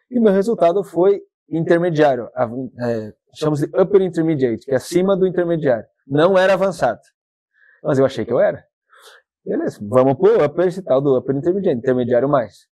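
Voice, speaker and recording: A man with a southern Brazilian accent chats as a podcast guest, telling stories in a lively, animated way. His voice sits a little high but sounds soft and mellow. The recording is dry and close. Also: no echo. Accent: southern Brazilian Portuguese. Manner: talkative, animated storytelling. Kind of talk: casual interview chat.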